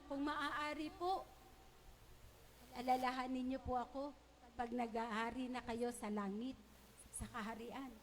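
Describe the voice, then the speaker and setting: A woman voicing a repentant male thief, speaking softly and slowly as he pleads to be remembered. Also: high-pitched, steady tone, a little hiss or hum, pitched below the performer's own voice. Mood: pleading. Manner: soft, slow, pleading. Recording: long church hall reverb.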